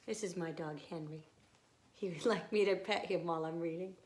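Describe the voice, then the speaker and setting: A teacher reads a picture book aloud to children in a lowish voice at a brisk pace. She is expressive and emphatic, adding asides to her young listeners.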